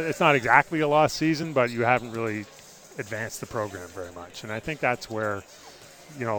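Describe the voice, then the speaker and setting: A man, a sports journalist, giving casual analysis in a halting, thinking-aloud manner. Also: on the low side, a bit bright. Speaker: basketball journalist, guest analyst.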